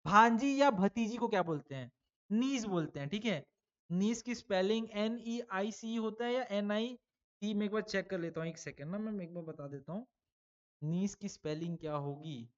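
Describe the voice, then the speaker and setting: A man's voice: sits high, a bit bright, lo-fi sound. Chatty man teaching children. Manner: asks students questions and answers them himself; chatty, addresses pupils as "beta". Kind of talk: online exam-prep lesson for children.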